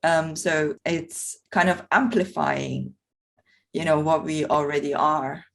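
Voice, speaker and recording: A woman's voice: deep voice, fairly even intonation, slow pace, creaky, slight background noise. A woman, a podcast host talking earnestly and personally, thinking aloud with frequent fillers. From Iran. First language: Persian. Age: 40s. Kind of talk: reflective conversation.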